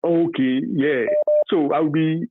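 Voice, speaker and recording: A man in his fifties from Nigeria with a Yoruba accent, calling in to a radio talk show to give his opinion, halting and full of fillers, then emphatic. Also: on the high side, fairly even intonation, slight background noise. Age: 50s. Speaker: caller. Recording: dry tinny phone line.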